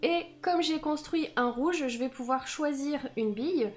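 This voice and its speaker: Giggly high-voiced Franc-comtois woman. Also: measured pace, soft background music. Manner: laughs often, thinks moves through aloud. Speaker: board game streamer. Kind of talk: live board game play with banter.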